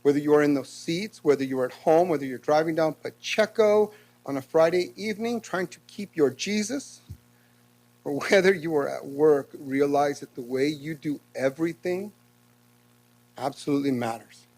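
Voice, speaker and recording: Man, public commenter, impassioned, earnest, preacher-like, fairly high voice. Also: moderate pace, darkish tone, low-quality recording. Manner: earnest, exhorting, preacher-like cadence. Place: council chamber.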